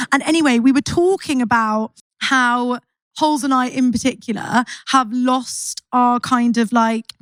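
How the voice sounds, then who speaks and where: A woman's voice: a little high, dry recording. A woman co-hosting a podcast, telling a story in a chatty, giggly way. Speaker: podcast co-host. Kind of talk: casual chat.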